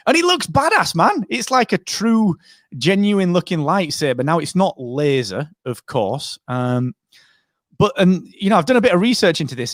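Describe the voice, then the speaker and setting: A man's voice: medium pitch, no echo, clean studio sound. A man co-hosting a podcast, chatting casually and joking with lots of fillers. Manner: animated, joking banter with frequent fillers. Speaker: podcast co-host. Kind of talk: casual chat.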